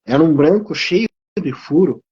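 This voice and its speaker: A man's voice: on the high side, animated, normal speed, slightly rough, highs cut off. A man giving an emotional testimony on a live theology talk, preaching in rising waves of emphasis. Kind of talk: impassioned testimony.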